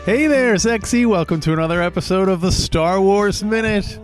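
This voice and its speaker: A man's voice: sits high, moderate pace, music in the background. A man hosting a casual movie podcast, talking playfully and now and then putting on mock-classy pronunciation. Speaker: podcast host.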